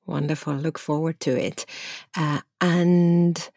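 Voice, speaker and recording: Low-voiced woman co-hosting a podcast. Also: little pitch movement, slow, vocal fry, dark tone, no room sound, studio quality. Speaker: podcast co-host. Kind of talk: casual podcast chat.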